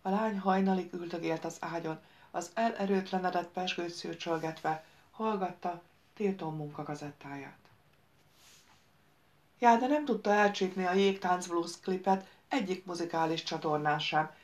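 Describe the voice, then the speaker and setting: A woman narrating an audiobook in a calm, measured reading. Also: lowish voice. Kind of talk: scripted narration.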